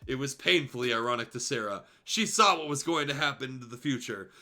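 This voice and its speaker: Streaming with music in the background, a man reads fan fiction in a medium-pitched, expressive voice that is brisk and sharp. He narrates dramatically but casually, slipping in asides and correcting himself in small ways.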